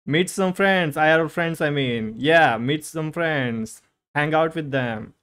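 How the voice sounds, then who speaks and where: A man's voice: on the high side, slow pace, a bit bright, clean tone. A young man with an Indian English accent, a streamer chatting casually and teasing his live chat. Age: young adult.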